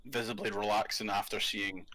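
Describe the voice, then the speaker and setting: A man's voice: on the low side, little pitch movement, normal speed, sharp tone, a little hiss or hum, rough recording. A man narrating as game master in a casual, swearing, giggly way over a voice call.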